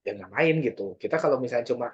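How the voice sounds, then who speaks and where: A man giving a casual online workshop talk, relaxed and chatty, often acting out example lines for his audience. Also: mid-range voice, quick pace, husky, muffled recording. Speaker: workshop speaker.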